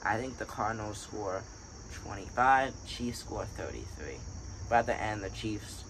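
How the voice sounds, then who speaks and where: A man's voice: on the low side, animated, measured pace. A man co-hosting a casual sports chat, giving blunt, matter-of-fact football predictions. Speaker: sports podcast co-host. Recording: background noise.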